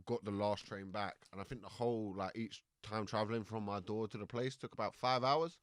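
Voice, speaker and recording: Rambling South London comedian, low voice. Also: male voice, fairly even intonation, brisk, no room sound, clean studio sound. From Croydon, South London, England. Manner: rambling anecdotes with many fillers and restarts. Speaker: stand-up comedian, podcast guest. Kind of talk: casual podcast chat, storytelling. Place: podcast studio.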